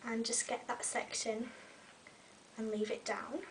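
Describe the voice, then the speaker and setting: Unhurried and level in tone, a young beauty vlogger with a cold chats through many ums while she curls her hair. Her voice runs fairly high with a little croak. Because she sits away from the webcam in a small bedroom with fairy lights, she sounds slightly distant, and a faint hiss lies under it.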